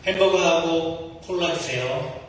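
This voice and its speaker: A man's voice: fairly high pitch, a little slow, slight background noise, lightly acted. A male preacher voicing a hard-of-hearing joke character who stubbornly answers oddly, in an oblivious, comic manner. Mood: deadpan. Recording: echoey hall from far off.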